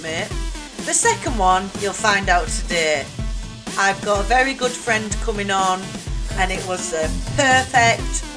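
An excitable, chatty woman in her thirties with a Yorkshire accent, hosting a podcast. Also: medium pitch. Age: 30s. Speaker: podcast host. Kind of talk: casual chat.

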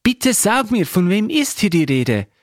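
Man voicing eager Ethiopian official in a scripture reading, pitched well up, earnest, dry close sound. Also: sing-song, measured pace, dry recording. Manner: earnest questioning.

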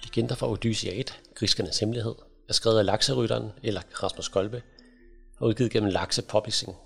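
Gravelly low-voiced male storyteller. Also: fairly even intonation. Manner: measured, dramatic storytelling. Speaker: audiobook narrator. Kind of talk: scripted fantasy narration.

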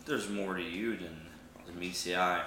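A man's voice: low-pitched, fairly even intonation, moderate pace, bright, forceful tone. A man playing Ares, scornful god of war. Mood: taunting. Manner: taunting, scornful. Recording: echoey room with background noise.

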